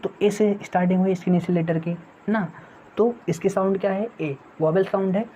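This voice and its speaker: A woman's voice: mid-range voice, fairly even intonation, brisk, mellow. A woman teaching English grammar in an online exam-prep lesson, often asking the viewers rhetorical questions and repeating her points. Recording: dull lo-fi sound with faint noise.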